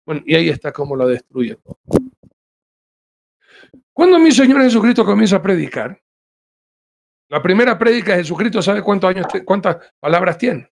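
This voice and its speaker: Man, preacher, fervent sermon, high voice, gravelly edge. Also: big pitch swings, normal speed, long pauses, a little hiss or hum. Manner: fervent preaching with sudden loud and quiet swings.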